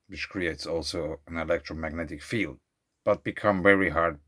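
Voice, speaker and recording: A man's voice: low voice, fairly bright tone. A man from Switzerland vlogging outdoors by a lake, reading facts and then rambling into loose, thinking-aloud asides. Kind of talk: casual musing monologue. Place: outdoors at a lakeside beach.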